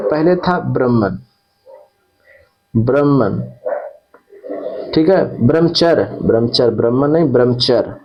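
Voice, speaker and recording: A man's voice: a little high, lo-fi sound. A man teaching an exam-prep lesson who repeats key terms and checks in with his students after each point.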